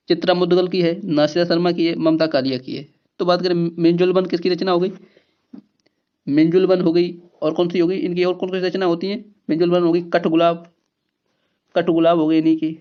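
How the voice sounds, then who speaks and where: A man's voice: on the high side, highs cut off. A man teaching a grammar lesson for exam preparation, explaining step by step and repeating key words with rhetorical questions.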